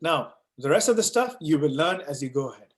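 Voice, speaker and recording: An online course instructor fields questions in a live online Q&A over a video call, his voice echoing around the room. He speaks fairly quickly with a fairly high pitch and big pitch swings, explaining through everyday analogies and often saying "right?" and "you know."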